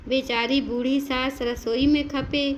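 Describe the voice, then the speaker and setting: A woman voicing a meddling, sharp-tongued older neighbor aunt who scolds and taunts in a storybook tale. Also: sits high, little pitch movement, a little slow, slight background noise. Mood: scolding.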